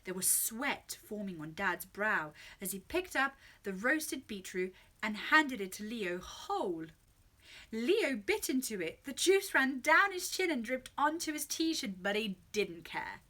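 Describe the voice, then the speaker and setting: A woman reading a children's story aloud with expressive, animated storytelling. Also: on the high side, a little slow.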